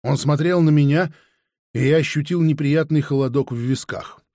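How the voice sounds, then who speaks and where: A man narrating a first-person audiobook in a steady storytelling manner. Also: a little high, normal speed, no room sound, studio quality.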